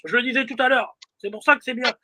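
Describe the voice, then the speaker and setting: A man's voice: very high-pitched, steady tone, quick pace, bright, forceful tone. A man chatting casually on a live stream, agreeing and reassuring, heard from a distance. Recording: distant from the mic.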